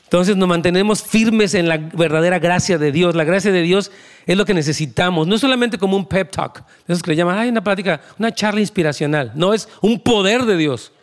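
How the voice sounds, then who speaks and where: A man's voice: high-pitched, fairly quick. A man, preaching a conversational, emphatic sermon as pastor, with asides to the congregation.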